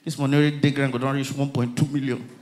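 A man with a Nigerian accent performing a stand-up comedy routine on stage, telling stories in a lively way and acting out the people in them. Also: mid-range voice, rapid-fire. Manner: lively storytelling, acting out characters.

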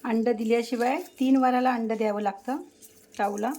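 A woman with a high voice talks in a casual, homely way to her animals, coaxing them to eat and scolding them when they act up. A faint noise hums behind her, and a dog barks now and then. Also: fairly even intonation, a little fast. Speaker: vlogger feeding pets. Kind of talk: casual chat to pets.

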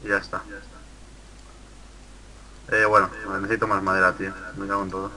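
A man's voice: low-pitched, little pitch movement, brisk, pushed and bright, poor audio. A man giving casual gameplay commentary with a friend, rambling, joking and swearing a lot. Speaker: gamer co-host.

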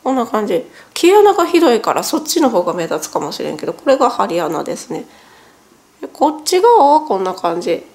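This woman from Japan, in her 40s, vlogs casually indoors at home in a fairly high, darkish voice with big pitch swings, speaking fast with few pauses. Nose surgery leaves her a little sluggish and strained; she winces in pain, chats on, and keeps correcting herself.

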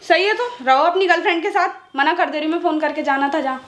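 Skit role: woman as a fast, high, accusing friend. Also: fairly bright tone. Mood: indignant. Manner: accusing, scolding. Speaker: angry friend confronting the couple. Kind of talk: improvised Hindi comedy-drama skit.

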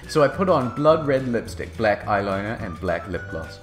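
Low-voiced man reading with mock drama. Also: very animated, moderate pace, soft background music. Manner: mock-serious, overwrought delivery. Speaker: narrator. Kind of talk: comedic dramatic reading of fan fiction.

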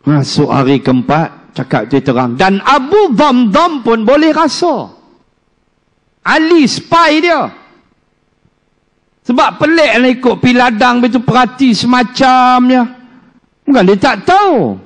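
Malay ustaz w telling a story at a mosque, highish lively voice, slow, big echo. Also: male voice. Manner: animated storyteller, jokes, acts out quoted speech. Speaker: religious teacher. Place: mosque hall. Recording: reverberant mosque hall.

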